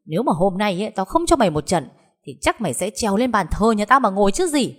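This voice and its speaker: A woman voicing a furious, hot-tempered peasant woman who shouts threats. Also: medium pitch, big pitch swings, quick pace, pitched above the performer's own voice.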